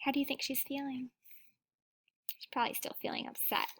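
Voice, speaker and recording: Reading to children like a teacher, this woman has a voice that sits high. Her delivery is deliberate and expressive, and she slips in remarks to her young listeners.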